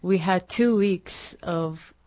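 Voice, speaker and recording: Low-voiced woman from Iraq. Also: slow, warm tone, no echo. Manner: hesitant, many ums and restarts. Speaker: musician guest. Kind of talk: radio interview.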